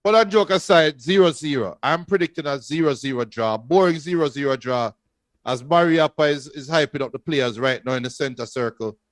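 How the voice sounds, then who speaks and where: A man co-hosting a football watch-along, joking around and shouting out viewers as the match goes on. His voice runs high, and the sound is dry and close. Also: a little fast, no room sound. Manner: jokey, reads out viewer shout-outs, laughs often.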